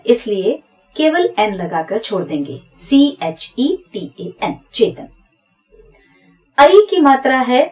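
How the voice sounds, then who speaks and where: A woman's voice: fairly high pitch, darkish tone, distant mic, low-quality recording. A woman teaching a beginner spelling lesson, patiently spelling names out letter by letter. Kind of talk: slow explanatory lesson.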